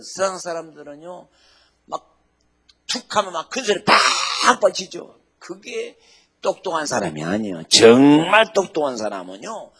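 Husky, forceful male pastor preaching. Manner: emphatic preaching, swings from loud exhortation to low quiet asides; asks the congregation to say amen and repeat lines. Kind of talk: sermon.

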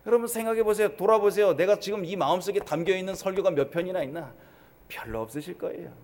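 Male pastor, fairly high voice, sermon delivery moving between loud and hushed, church reverb. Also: fast. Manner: swings from loud exhortation to hushed tones.

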